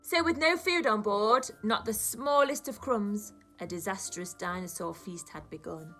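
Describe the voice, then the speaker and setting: A woman, a primary school teacher, reading aloud to young children in an expressive storybook style with dramatic emphasis. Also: medium pitch, measured pace, soft background music.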